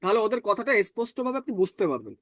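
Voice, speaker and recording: A man teaching German in an online class, explaining patiently and slowly repeating words. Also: high voice, very animated, no echo, studio quality.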